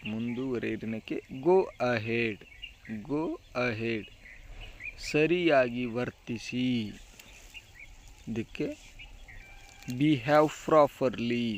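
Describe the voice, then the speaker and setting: A man gives a very slow, careful English lesson, saying each short phrase twice so learners can follow. His voice sits at an ordinary middle pitch. Faint noise stays in the background. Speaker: English teacher. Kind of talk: slow, repeated vocabulary drill.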